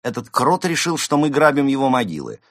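A man voicing an excitable, fussy male diary writer who reads his entry in an exclamatory way. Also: medium pitch, brisk, dry recording, studio quality, voice pushed up. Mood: excited.

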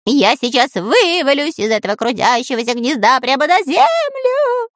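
Cowardly grumbling spy for a storybook, voiced by a woman; animated delivery, dry close mic. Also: sits high, moderate pace, no room sound, pitched above the performer's own voice. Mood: panicked. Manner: whining and grumbling. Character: whiny, cowardly male spy.

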